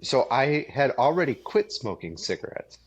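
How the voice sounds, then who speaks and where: A man's voice: mid-range voice, very animated, moderate pace, breathy edge. A man co-hosting a podcast, telling stories animatedly and laughing often in casual chat with friends. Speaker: podcast co-host.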